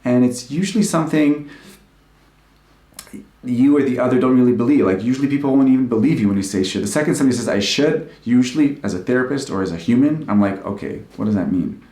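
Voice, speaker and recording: A man's voice: medium pitch, quick pace, dark tone. A male couples therapist giving an informal, conversational talk, explaining ideas with frequent filler words. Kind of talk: informal live-streamed talk. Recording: roomy echo.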